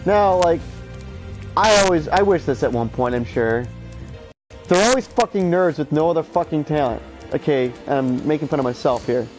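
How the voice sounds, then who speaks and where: Over game music, a sleep-deprived, congested man in his thirties streams a game, rambling, cursing and airing strong opinions. His voice is fairly high and expressive at a moderate pace, captured in a rough recording.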